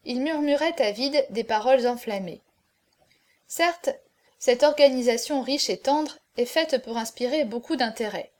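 A woman narrating a classic novel as an audiobook, with an expressive, dramatic reading. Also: sits high, a little slow.

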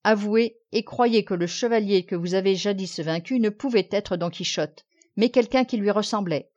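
A woman's voice: mid-range voice, normal speed, a little mellow, close to an everyday voice. A woman reading the lines of a grandiose, solemn old knight, declaiming and commanding, on a dull lo-fi recording.

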